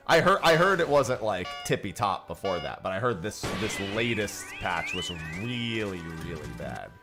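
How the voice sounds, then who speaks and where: A man's voice: fairly low pitch, sing-song, normal speed, music in the background. A man streaming a game over a headset mic, chatting casually and thanking viewers. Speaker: livestreamer. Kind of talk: casual livestream chat while gaming. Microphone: headset mic, livestream audio.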